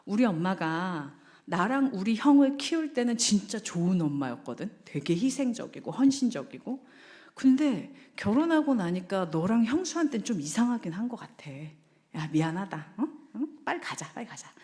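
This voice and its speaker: A woman's voice: mid-range voice, lively intonation, brisk, hardly any pauses, darkish tone, natural voice. A woman voicing a young married husband in a lecture, quoting him in a plain conversational way. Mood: apologetic. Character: young married Korean husband, frank with wife.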